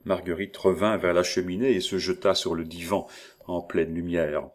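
A man narrating a novel in a steady, measured reading voice. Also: deep voice. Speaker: audiobook narrator.

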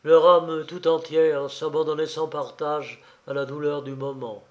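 A man narrating a novel as an audiobook, in a measured, dramatic reading. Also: a little high, flat delivery, muffled recording.

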